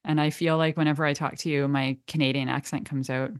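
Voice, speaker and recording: Here the woman's voice is low, fast, and clean in tone, though her delivery is flat. As a podcast host and dog trainer, she introduces and interviews a guest in an enthusiastic, chatty manner with fillers and restarts.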